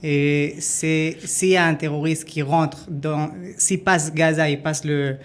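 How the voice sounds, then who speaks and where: An Israeli man, a former army dog handler, tells his story as an interview guest in non-fluent French with an Israeli accent. He speaks haltingly, searching for words, in a voice on the high side with a flat delivery.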